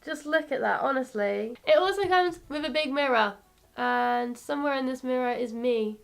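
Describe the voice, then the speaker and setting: A bubbly 22-year-old woman chatting through a makeup tutorial, croaky from a coming cold, self-mocking and chatty. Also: sits high, moderate pace, faint music behind. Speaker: beauty YouTuber. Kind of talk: casual makeup tutorial chat.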